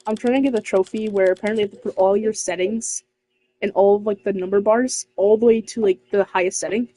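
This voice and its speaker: Husky woman casually streaming a game. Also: mid-range voice, fairly even intonation, quick pace, warm tone. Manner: casual, swears often. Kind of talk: casual gameplay commentary.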